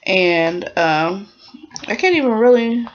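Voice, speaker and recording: A woman's voice: mid-range voice, animated, slow pace. A woman casually recapping a drama episode in a rambling way, with plenty of fillers. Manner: rambling, many fillers, acts out the characters' lines. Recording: dull lo-fi recording.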